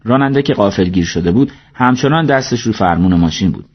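A man narrating an audiobook story in a steady, measured reading voice, in a dull lo-fi recording. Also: on the low side, breathy edge.

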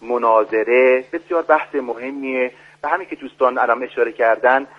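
A man calling in by phone as a guest expert on a radio show, speaking formally in a lecturing way with many pauses. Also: medium pitch. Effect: voice heard over a phone line on the radio. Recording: dull lo-fi phone line.

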